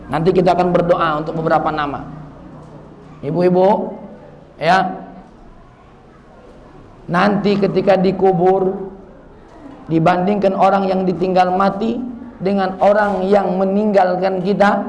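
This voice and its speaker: A man's voice: high voice, a little hiss or hum. A man preacher with a South Sumatran Malay accent, giving a sermon and teasing his audience with jokes.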